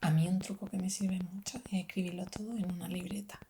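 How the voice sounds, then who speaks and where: A woman from giving a whispered ASMR pep talk in a breathy, gentle, reassuring way, like a friend talking to you. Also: lowish voice, little pitch movement, quick pace, a little hiss or hum. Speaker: ASMR video creator.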